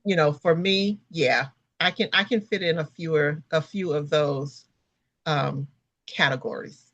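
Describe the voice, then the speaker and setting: A woman co-hosting a podcast in casual chat, pausing often with fillers and restarts. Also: deep voice, fairly bright tone, dry recording, lo-fi sound. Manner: halting, many restarts and fillers. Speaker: podcast co-host.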